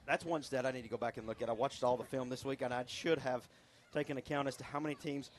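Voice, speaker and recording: A man calling a local high school football game on the radio, getting excited on big plays. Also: fast, slight background noise. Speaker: play-by-play announcer. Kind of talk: local radio sports commentary.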